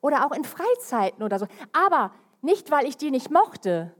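A woman's voice: high-pitched, moderate pace. Emphatic woman preaching a sermon. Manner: lively, emphatic preaching with sudden rises and drops in loudness.

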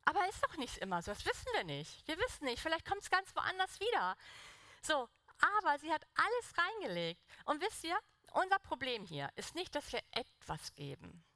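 Young woman, sermon, conversational, earnest, higher voice, bright. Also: wildly swooping pitch, moderate pace, no room sound, clean studio sound. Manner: earnest, conversational, with direct questions to the congregation. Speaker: preacher.

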